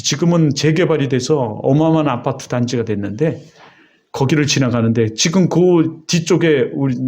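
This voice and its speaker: A man pastor preaching a sermon, telling a personal story with emotion and exhorting his congregation. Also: darkish tone. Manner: emotional storytelling with vivid retold dialogue; exhorting and rising in pitch on key points.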